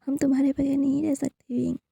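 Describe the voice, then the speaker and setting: A woman's voice: sits high, level tone, a little fast, vocal fry, warm tone, no room sound, clean studio sound. Woman voicing a protective, worried mother. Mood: pleading.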